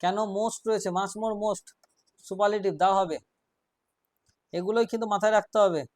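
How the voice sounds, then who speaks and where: A man teaching an English grammar class, explaining rules step by step, quizzing his students and reading example sentences out slowly. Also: sits high, steady tone, darkish tone, no room sound, clean studio sound.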